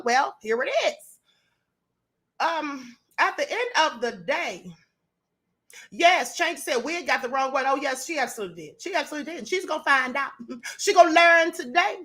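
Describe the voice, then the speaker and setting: A woman's voice: sits high, pushed and bright. A woman with an American accent hosting an online exposé, talking straight to her viewers in a smug, sarcastic, taunting way. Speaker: online video host.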